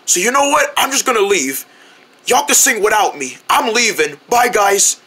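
A woman voicing a glum young male cartoon character who has lost his voice, talking hoarsely and sulking. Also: mid-range voice, animated, normal speed, sharp tone, pitched below the performer's own voice, full character voice. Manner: mopey, sulking. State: hoarse, voice nearly gone. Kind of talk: homemade cartoon voice acting.

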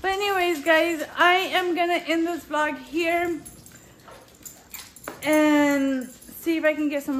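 A high-pitched woman in her thirties speaks slowly and unhurriedly into a phone camera held at arm's length. She sounds worn out and easygoing as she vlogs from home, with a faint hiss behind her voice. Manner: relaxed, tired, talking to her dogs between remarks to camera. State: tired. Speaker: vlogger. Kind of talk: casual vlog talk. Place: living room at home.

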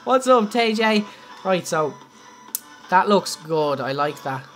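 A young Irish man with a high-pitched, sing-song, fairly bright voice takes his time walking viewers through a building tutorial on a game live stream. Chatty and quick to laugh, he talks straight to his audience over faint background music.

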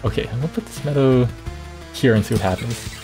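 A man streaming a game, chatting casually and thinking aloud with quick reactions. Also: medium pitch, gravelly, warm tone, soft background music. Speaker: gaming streamer.

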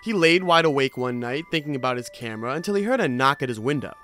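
This man, host of a horror video review channel, speaks in a mid-range, expressive voice that's fast and a bit bright, with slight background noise. His commentary is scripted but delivered as informal storytelling with casual asides.

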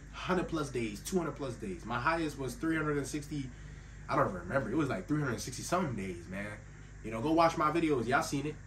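A man's voice: medium pitch, fairly bright tone. A young man with a slightly sick voice giving an earnest, emphatic motivational talk, calling his listeners bro and fellas. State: voice a little sick. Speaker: faith-based self-improvement YouTuber. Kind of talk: casual motivational talk to camera. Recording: slightly distant mic with faint ambient noise.

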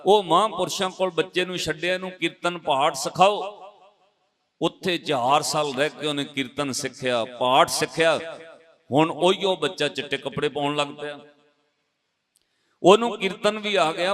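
A male Sikh preacher tells a moral story in a sermon. He stresses and repeats key phrases as he addresses the congregation. His voice sits fairly high for a man. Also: a bit bright. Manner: emphatic, repetitive and addresses the congregation.

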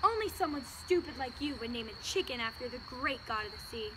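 A teen girl playing a sarcastic court officer, high. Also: animated, fast talker, close to an everyday voice. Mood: mocking. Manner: sarcastic, mocking. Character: bossy, sarcastic ancient Greek court officer. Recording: noisy outdoor recording with crickets.

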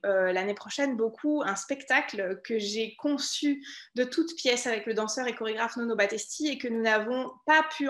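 A French concert pianist in her thirties gives a remote interview over a video call from a room at home with bookshelves. Her voice is a little high and fairly bright, and she speaks thoughtfully with many hesitations and restarts. The room is echoey, and music plays underneath.

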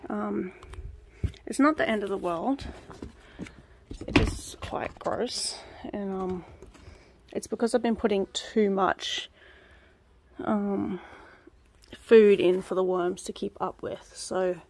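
Speaking slowly and pausing often in a mid-range voice, a young vlogger wanders through a relaxed backyard gardening chat, full of ums. She films outdoors on a handheld phone held close and drops to a whisper up close.

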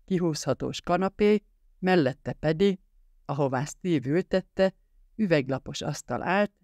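A man's voice: a little high, a little mellow, no echo. Dry, close male audiobook narrator.

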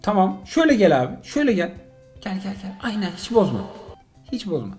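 A middle-aged man, a father, playing a mobile driving game with his son and commenting casually, excitable and exasperated by turns, full of jokes. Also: high voice, a little fast, soft background music.

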